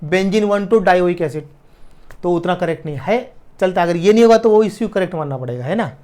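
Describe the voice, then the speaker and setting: A man's voice: sits high, expressive, dark tone. Chemistry teacher, man. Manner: repeats key terms slowly, asks students "clear?". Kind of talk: casual classroom lecture.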